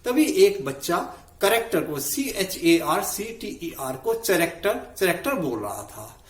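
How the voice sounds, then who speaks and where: A man's voice: high voice, big pitch swings, takes it slowly. Older man telling jokes in an echoey room. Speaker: storyteller.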